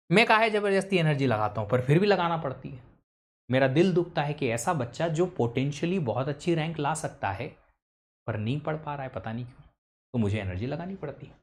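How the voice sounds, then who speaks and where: सवाल पूछता हुआ ऑनलाइन शिक्षक. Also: male voice, a little high. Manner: quizzes students, mixes English into Hindi. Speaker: teacher. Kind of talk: live online lecture.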